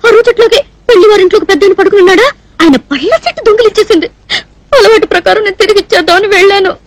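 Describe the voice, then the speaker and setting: An actress playing a naive, whiny young woman in a dubbed film comedy, pleading quickly. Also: very high voice. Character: naive, tearful young woman hoping to marry.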